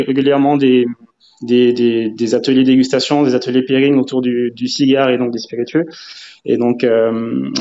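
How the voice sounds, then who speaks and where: A man's voice: mid-range voice, dark tone. A man from Martinique, a rum specialist guest, speaking hesitantly with many fillers on a live video call. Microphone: phone on a video call. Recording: dull lo-fi call audio.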